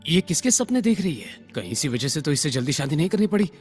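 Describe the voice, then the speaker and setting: A man voicing a calm, gentle young husband who is secretly a rich company head, in a dubbed drama. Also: on the high side, fast, faint music behind. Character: calm young male CEO posing as poor husband. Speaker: voice actor. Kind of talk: Hindi dub acting.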